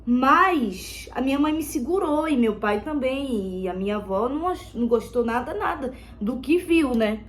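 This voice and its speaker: A high, youthful girl's voice chatting into her phone as she does her makeup. She rambles and circles back to the same points, calling out to her viewers every few lines. The talk is loose and casual, the way a personal vlog sounds. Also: expressive, moderate pace, few pauses. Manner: rambling, repeats herself, keeps addressing viewers as "gente". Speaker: vlogger. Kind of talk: casual storytelling while doing makeup.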